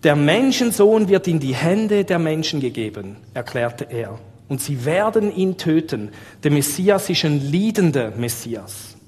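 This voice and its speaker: A man with a Swiss German accent delivers a sermon in a fairly high voice, asking his listeners question after question. His voice rings with a long hall reverb. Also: a little slow. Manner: lively, asks the audience rhetorical questions. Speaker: preacher.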